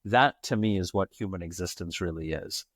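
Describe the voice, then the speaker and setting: With a low voice and a moderate pace, an American podcast guest reflects and tells stories, pressing his points emphatically and philosophically over long runs. The sound is clean studio quality with a dry recording.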